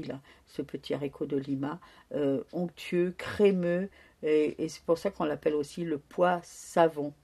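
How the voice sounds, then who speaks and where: A woman presenting food to viewers in a chatty, lively way, with frequent hesitations and restarts. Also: sits low. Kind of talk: casual culinary explanation to viewers.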